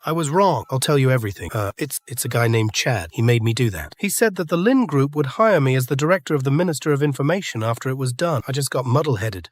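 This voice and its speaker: Un hombre haciendo de ejecutivo traidor que suplica. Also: male voice, medium pitch, lively intonation, fast, few pauses, no echo, lightly acted. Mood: pleading. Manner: nervous and pleading. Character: traitorous executive pleading for mercy. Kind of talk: dubbed drama acting.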